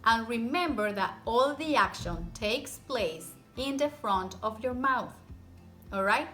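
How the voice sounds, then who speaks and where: Female language teacher, bright and slow-paced, encouraging, demonstrates rolled r sounds in example words. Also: fairly high pitch, lively intonation, faint music behind. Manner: encouraging, step-by-step, repeats example words slowly. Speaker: Spanish pronunciation teacher. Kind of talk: instructional language lesson to camera.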